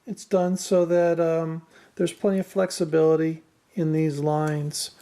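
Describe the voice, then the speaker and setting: Low, creaky-voiced woman, slow and hesitant. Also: level tone, warm tone. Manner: hesitant, self-deprecating, apologetic. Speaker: hobbyist presenter of a drone build. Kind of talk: casual unscripted build walkthrough. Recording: clear machine noise in background. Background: machine noise.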